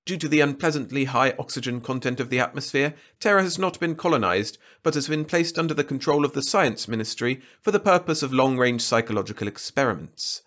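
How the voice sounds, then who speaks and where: A man's voice: medium pitch, brisk, hardly any pauses, a bit bright, pitched above the performer's own voice, natural voice. A man voicing a nimble, insolent male alien court jester who recites a report in a declaiming way. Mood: reciting.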